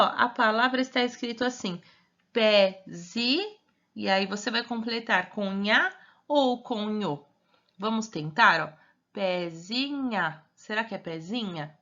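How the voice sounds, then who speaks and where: A woman teaching a remote primary school class, speaking slowly and patiently and stretching out syllables. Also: mid-range voice, animated, bright, forceful tone. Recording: dull lo-fi audio.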